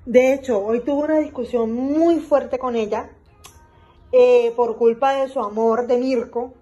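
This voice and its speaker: A woman's voice: fairly high pitch, fairly even intonation, measured pace, warm tone, muffled recording, faint music behind. A young woman vlogging in character as a pregnant vampire mom, retelling events chattily with lots of fillers and repeats. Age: young adult. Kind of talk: in-character vlog storytelling.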